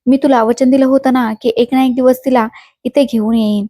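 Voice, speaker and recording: A woman's voice: high voice, fairly even intonation, moderate pace, dark tone, dry recording. A woman voicing a cruel, cunning middle-aged stepfather with a harsh, scheming way of talking.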